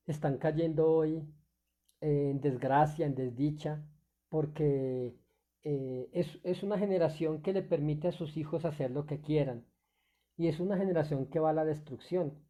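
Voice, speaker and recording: A man's voice: a little high, mellow. A male pastor preaching a sermon off the cuff, full of fillers, restarts and rhetorical questions.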